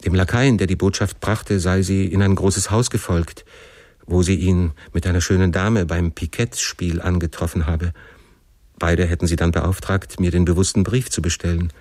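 A man with a deep, low voice narrates a classic novel in the first person, measured and expressive. The sound is dry and close, with no room around it. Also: no room sound. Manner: expressive, measured dramatic reading. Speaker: audiobook narrator.

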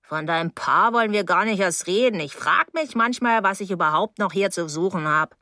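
A woman's voice: mid-range voice, moderate pace, pushed and bright, no room sound, studio quality, close to an everyday voice. A woman voicing a nosy old landlady with heart trouble who nags and scolds while out of breath. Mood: scolding.

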